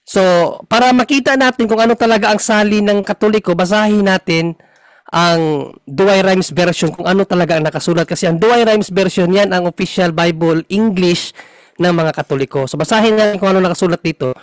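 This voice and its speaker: A man hosting a talk and explaining Bible verses patiently, slowing down to read passages. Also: sits high, no room sound, rough recording. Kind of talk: conversational Bible teaching.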